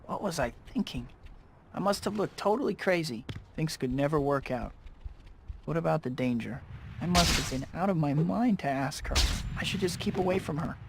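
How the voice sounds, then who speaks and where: A man's voice: a little high, animated, moderate pace, vocal fry, background noise. A man playing an earnest, self-questioning young superhero in a video game cutscene. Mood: dejected. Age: young adult. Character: earnest young male superhero torn between two lives. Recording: game music behind the voice.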